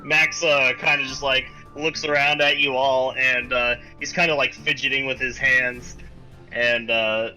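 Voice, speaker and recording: A man's voice: mid-range voice, little pitch movement, a little slow, bright, forceful tone, faint music behind, poor audio. A man running a tabletop game as game master, narrating loosely with many fillers.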